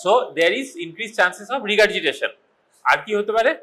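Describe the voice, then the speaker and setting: A man's voice: sits high, animated, slow pace, bright, forceful tone, rough recording. A man with a Bengali accent giving a medical college lecture, switching between English and Bengali and quizzing his students informally. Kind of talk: classroom lecture.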